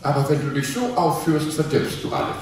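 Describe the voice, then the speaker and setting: An actor playing a petulant, henpecked husband in a live comic sketch reading on a theater stage, talking in a blustering, indignant way with chuckles. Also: male voice, fairly high pitch, fairly even intonation, brisk, far from the mic, lightly acted. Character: petulant henpecked husband plotting against wife. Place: theater stage before an audience. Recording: echoey, noisy live theater recording from afar.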